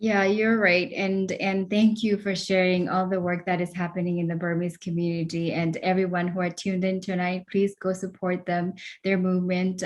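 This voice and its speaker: A woman hosts a virtual fundraiser from a video call. Her voice is low and mellow, and she thanks and introduces guests graciously. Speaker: event host.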